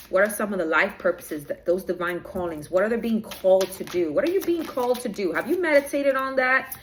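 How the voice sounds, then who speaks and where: A woman with a mid-range, fairly bright voice delivers an inspirational reading to her viewers, and slight background noise runs underneath. She comes across as preachy and rambling, losing track of her notes along the way.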